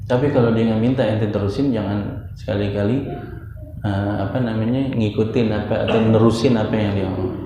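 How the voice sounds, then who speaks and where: Male religious teacher, mellow tone, loud reverb, lo-fi hall recording. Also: fairly low pitch, steady tone, fairly quick, slight background noise. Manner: reads Arabic lines then explains in casual slangy talk, often asks if students understand. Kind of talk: teaching a classical text to students. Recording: echoey dull lo-fi hall recording.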